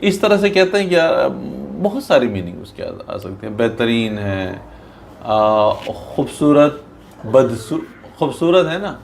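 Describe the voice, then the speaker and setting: Guy from pakistan teaching english, slow and repetitive, voice goes up and down a lot, reads the book lines out. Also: mid-range voice, sing-song, gravelly, a little hiss or hum. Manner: patient, repetitive explaining, often checks with "theek hai"; reads English textbook lines slowly, mixing them into his explanations. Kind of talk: recorded classroom lesson.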